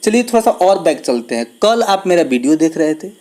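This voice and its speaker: A man teaching English grammar for exam preparation, explaining step by step and addressing his viewers as friends, reading English sentences slowly before explaining them. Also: a little high, sing-song, a little mellow. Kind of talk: exam-prep grammar lesson.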